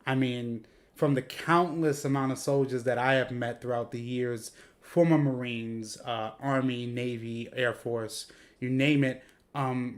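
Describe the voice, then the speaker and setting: Rambling man hosting a podcast. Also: mid-range voice. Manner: rambling, filler-heavy. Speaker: podcast host. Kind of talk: casual interview hosting.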